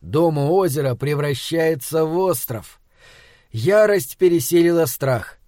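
A man reading a fantasy audiobook in a measured storytelling manner. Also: fairly high pitch, darkish tone, dry recording, studio quality. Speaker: audiobook narrator. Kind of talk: scripted narration.

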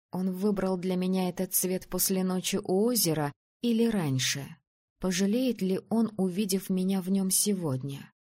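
A woman reading first-person fiction aloud as an audiobook narrator, calm and measured. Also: lowish voice.

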